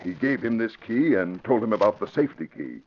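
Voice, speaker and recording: In a classic radio drama, a man plays an earnest, authoritative American police commissioner, sounding grave and urgent. His lowish voice is animated, natural and a little fast, heard through a muffled, lo-fi vintage recording with a little hiss or hum.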